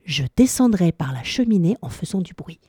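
A woman's voice: big pitch swings, normal speed, dark tone, slightly rough, no echo, studio quality, exaggerated voice. A woman voicing a clever, bold male cat in a storybook reading, raising her voice as he schemes and urges his friends on. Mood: scheming. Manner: eager, scheming, higher than her narration.

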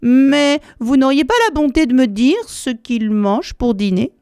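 A high, eager little elephant boy, as a woman storyteller puts him on, pleading and very polite. He sounds small and curious in a dry, close storybook reading. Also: a little slow, darkish tone, clear, resonant tone, no echo.

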